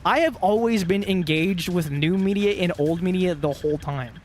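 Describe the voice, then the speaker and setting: A high-pitched man in his twenties speaks at normal speed while co-hosting a video game. Over game music and sound effects, his casual rambling chat is full of swearing, laughing and frequent restarts.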